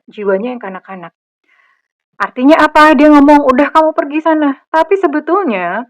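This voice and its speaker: A middle-aged woman giving a general tarot reading, chatty and animated, with many fillers. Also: on the high side. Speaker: tarot reader. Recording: slightly dull lo-fi recording.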